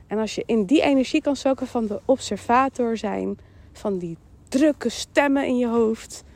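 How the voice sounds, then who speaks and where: A podcast host with a Dutch accent delivers a calm yet emphatic mindfulness monologue, repeating phrases and voicing the thoughts running through her head. Her voice is a little high and her pace moderate.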